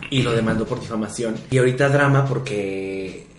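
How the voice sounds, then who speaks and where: A man's voice: mid-range voice, brisk. Playful man gossiping in an echoey room. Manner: playful, teasing, calls listeners "hermanas". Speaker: podcast co-host. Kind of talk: casual gossip chat. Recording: roomy echo, faint background noise.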